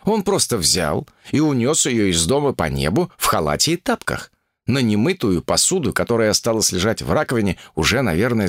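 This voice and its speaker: Guy reading an audiobook, lively up-and-down voice, dry close sound. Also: on the low side, dry recording. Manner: expressive, lively storytelling. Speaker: audiobook narrator. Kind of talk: audiobook narration.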